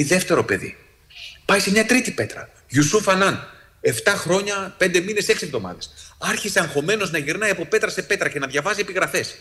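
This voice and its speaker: A man, a psychologist, telling a story to an audience in a lively way, with many restarts and sudden jumps in pitch for quoted speech.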